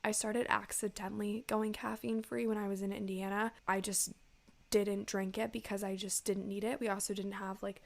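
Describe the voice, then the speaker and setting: Female American podcast host, casual and chatty, stuffed-up nose, noticeable vocal fry. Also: medium pitch, level tone, moderate pace. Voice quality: congested, stuffy-nosed. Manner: informal, chatty, addresses listeners as "you guys". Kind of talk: casual solo podcast talk to listeners.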